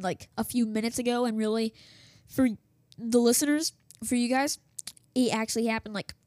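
Hosting a school radio news show from her home office, a chatty woman with a worn voice is losing it as she goes. Her voice is fairly high and a little mellow, and her casual rambling is full of fillers, restarts and self-interruptions. She speaks into a desktop setup with a small soundboard, with no echo.

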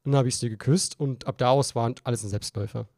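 Lockerer junger Mann, angetrunken erzählend. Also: male voice, mid-range voice, steady tone, fast, gravelly, darkish tone, no echo, studio quality. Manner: rambling, tipsy storytelling with frequent restarts. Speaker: podcast co-host. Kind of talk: casual chat.

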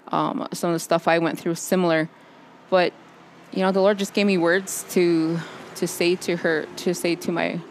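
A woman with a fairly low, flat voice co-hosts a relaxed faith podcast. She talks in halting starts and restarts, leaning on fillers as she gathers her thoughts. She is recorded outdoors under a backyard overhang. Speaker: podcast co-host. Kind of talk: casual faith chat.

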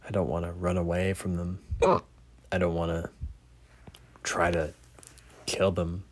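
A man hosting a reflective podcast, talking slowly and haltingly through a bout of hiccups, with gentle pauses and restarts. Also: low voice, completely flat delivery. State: has the hiccups. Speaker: podcast host. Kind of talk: reflective solo podcast monologue. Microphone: podcast mic.

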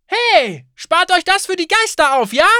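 A male narrator voicing a brisk, tough female innkeeper who gives loud orders to her guests, in a dry studio audiobook. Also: extremely high pitch, very animated, dry recording, pitched above the performer's own voice, heavily acted. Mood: shouting. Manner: loud, commanding.

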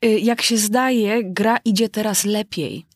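A woman's voice: mid-range voice, slow, breathy edge, dry recording, clean studio sound. A woman voicing a polite, curious young girl in an audiobook, with an earnest, musing way of speaking. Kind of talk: audiobook character voice.

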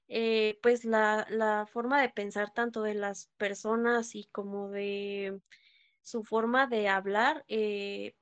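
A woman's voice: fairly high pitch, clean tone, highs cut off. A young woman, a guest in a casual chat, hesitant and earnest with many fillers. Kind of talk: casual conversation.

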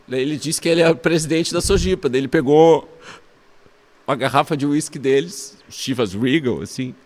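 A man, a musician guest telling road stories in a relaxed, laughing way. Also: on the high side, fairly quick. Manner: relaxed storytelling, laughs often, frequent "né?". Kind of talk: casual interview chat.

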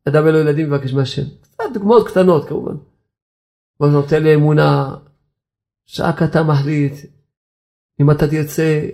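Man preacher, slightly high gravelly voice, emphatic sermon delivery with sudden pitch leaps. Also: a little mellow. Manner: emphatic, repetitive pleading, sudden high leaps and chuckling asides. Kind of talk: Hebrew religious sermon.

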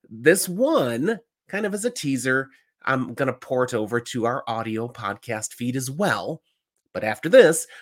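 Animated man podcasting with a slightly stuffy nose. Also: mid-range voice. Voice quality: slightly stuffy, congested voice from a cold. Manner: informal, emphatic, animated. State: getting over a cold. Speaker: podcast host. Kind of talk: enthusiastic solo book-talk podcast.

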